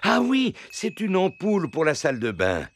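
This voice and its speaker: Jolly daddy pig, swooping widely. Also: male voice, a little high, huge pitch swings, moderate pace, a little hiss or hum. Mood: puzzled. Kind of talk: French-dubbed preschool cartoon.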